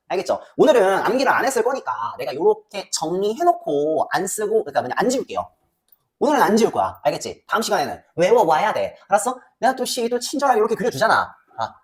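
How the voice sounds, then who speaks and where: A woman teaching a math class, talking students through the steps with quick questions and muttering as she works out the numbers. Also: medium pitch. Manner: lively, banmal with quick questions to students, muttering while calculating. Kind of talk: classroom lecture.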